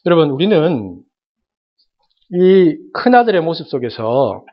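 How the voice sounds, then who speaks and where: A man's voice: on the high side, big pitch swings, measured pace, dull audio. A male pastor preaching a sermon, speaking dramatically and addressing the congregation directly.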